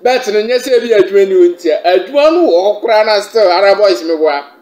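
A Ghanaian man in his thirties talks fairly high straight to the camera. He chuckles as he goes, and the room adds a roomy echo. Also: a little fast, darkish tone. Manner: chuckling, mixing English with a local language. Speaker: video blogger presenting a trending clip. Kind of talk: vlog commentary. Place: indoors by a staircase.

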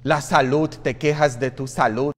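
A man, a priest, preaching a sermon in a conversational way, often tossing in quick asides to the congregation. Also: mid-range voice, fairly even intonation, big-room sound. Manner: conversational preaching with frequent "¿ah?" asides and acted quotes. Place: church.

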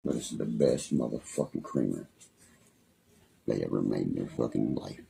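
A man's voice: a bass voice, animated, normal speed, creaky, warm tone, breathy edge. A young man with a West Virginian accent, ranting angrily and threatening, swearing constantly on a phone live stream at home. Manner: angry, rambling, threatening, heavy swearing. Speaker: livestreamer. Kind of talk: profane live-stream rant. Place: small room at home, indoors.

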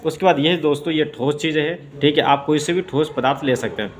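A man teaching a science demonstration lesson, explaining step by step and filling pauses with "okay" and "friends". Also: on the high side. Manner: repeats "theek hai" and "doston" often.

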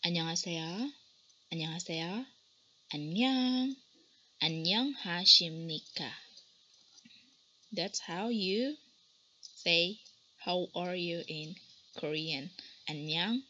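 A woman in her twenties from the Philippines, teaching beginner phrases slowly and carefully, repeating each one for practice. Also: fairly low pitch, pushed and bright. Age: 20s. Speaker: language teacher and blogger. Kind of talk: beginner language lesson. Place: small room, indoors. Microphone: webcam at desk distance. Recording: dull lo-fi webcam sound with faint noise.

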